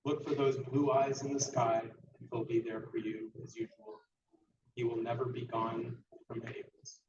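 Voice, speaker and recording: A man's voice: mid-range voice, fairly even intonation, normal speed. Man reading a eulogy in an echoey hall. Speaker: mourner reading a tribute letter. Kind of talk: reading a eulogy letter aloud. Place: memorial gathering hall. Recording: echoey room from far off, dull, noisy.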